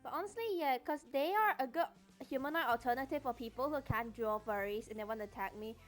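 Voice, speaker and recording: A woman's voice: sits high, a little fast. A young woman chatting casually on an art livestream in a playful, teasing manner. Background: background music.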